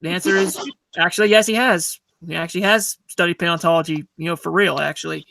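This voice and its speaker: High, bright-voiced man talking fast. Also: fairly even intonation, vocal fry, dry recording. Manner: rapid, explaining. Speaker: panelist. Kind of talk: casual panel chat.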